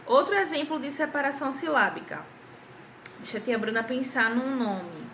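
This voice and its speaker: Woman, Brazilian Portuguese accent, young adult, primary school teacher, patient, asks questions, high bright voice. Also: lively intonation, moderate pace, slight background noise. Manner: patient, claps out syllables, asks the class questions. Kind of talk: recorded grammar review lesson for children.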